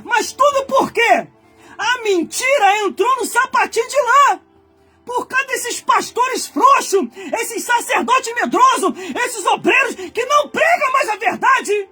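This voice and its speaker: Brazilian male pastor in his forties, very high voice, fiery shouting sermon, faint music behind. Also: lively intonation, unhurried. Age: 40s. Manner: fiery preaching, shouting and exhorting.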